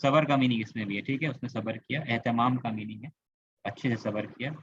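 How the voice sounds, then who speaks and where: A man's voice: medium pitch, a little fast, a bit bright, breathy edge. A man with a Kolkata Indian accent gives an online grammar lesson over a computer microphone. He explains step by step, repeats key words and stops to quiz his students. The audio is slightly dull and lo-fi. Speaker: Arabic grammar teacher. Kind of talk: online class lecture. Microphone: computer mic on a video call.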